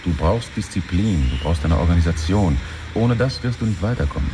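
A very deep-voiced, lecturing friend. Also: male voice, expressive, background noise. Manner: lecturing, measured, later heated. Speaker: radio drama actor. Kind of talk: radio drama acting.

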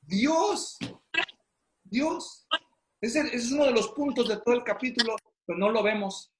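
Speaking in a very high voice at a measured pace over a noisy background, a man leads an online theology class for pastors via video call, with roomy echo on the audio. His style is questioning as he quizzes students constantly to draw out their answers.

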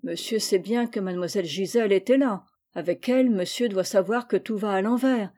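A woman's voice: mid-range voice, fairly quick, dark tone, natural voice. A woman reading aloud and voicing a complaining household nanny in a storybook, speaking indignantly.

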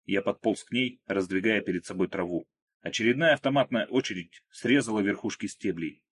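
Low husky male audiobook narrator. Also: a little fast. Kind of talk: audiobook reading.

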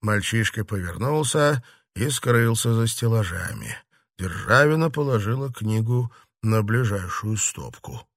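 Reading an audiobook from a script, a man with a lowish voice keeps his storytelling steady and measured. It's a dry, studio-quality recording.

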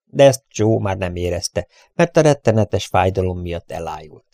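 A man narrating an adventure story in a steady, measured reading voice. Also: deep voice, no room sound, studio quality. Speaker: audiobook reader.

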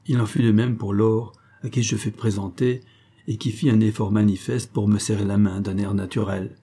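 Dark, husky male audiobook narrator. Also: on the low side. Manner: measured, calm, reflective first-person reading.

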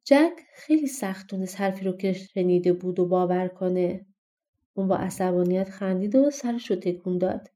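A woman narrating a fairy-tale audiobook in a calm, expressive storybook reading. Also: mid-range voice.

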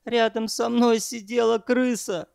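A man's voice: flat delivery, a little slow, gravelly, a little mellow, clear, resonant tone, no echo, studio quality, heavily acted. A man voicing a cowardly young trainee who keeps crying and pleading. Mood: frightened. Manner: pleading, tearful, high-strung.

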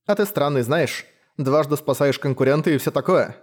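A man's voice: fairly high pitch, moderate pace, a little mellow, lightly acted. A man voicing a young woman hunter who is bold and pleading, with a lilting, coaxing manner. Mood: teasing.

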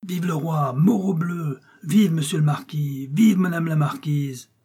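A man reading aloud voices an excited little peasant boy who shouts martial cries and makes battle noises with his mouth. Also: on the high side, measured pace, husky, pitched above the performer's own voice, exaggerated voice.

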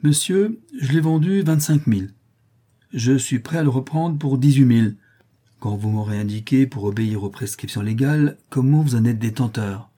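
A man's voice: medium pitch, moderate pace, warm tone, slightly rough, close to an everyday voice. A man voicing a suspicious male goldsmith who speaks in an emphatic, formal way. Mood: businesslike.

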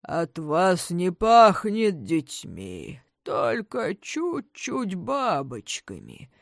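A woman voicing a big, hungry, grumbling male bear in a storybook, speaking slowly and low in a growl. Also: wildly swooping pitch, creaky, no echo, clean studio sound, full character voice. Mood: gruff. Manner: slow, low growling delivery.

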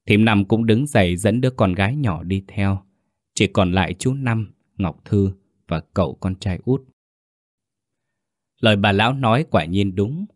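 A man tells a scripted ghost story in a steady, earnest first-person voice. His pitch sits low and the close mic leaves it dry, with no room around it. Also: unhurried, no echo.

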